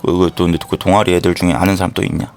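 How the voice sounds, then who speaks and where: An actor playing a brash, excitable young buddy in a romance audio drama, teasing and blustery, stammering and exclaiming as he talks. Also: low-pitched, rapid-fire, creaky. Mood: incredulous.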